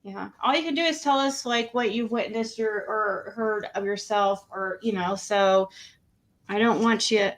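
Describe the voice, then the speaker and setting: A woman with a mid-range voice speaks at a measured pace as she hosts a casual true crime livestream panel. Her questions come out informal and rambling.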